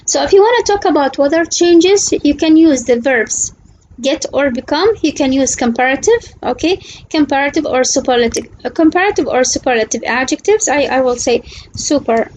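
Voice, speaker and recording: Woman, high-pitched, teacher, slide lecture, deliberate pace, questioning prompts, faint background noise. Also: a little mellow, low-quality recording. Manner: slow and deliberate, often pausing to ask "what?" and checking with "okay?". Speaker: English teacher.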